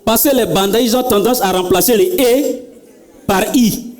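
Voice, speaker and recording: A man's voice: sits high, normal speed, a little hiss or hum. A man doing stand-up comedy, telling stories and talking straight to the audience. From Central African Republic. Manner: animated storytelling, addresses the audience directly.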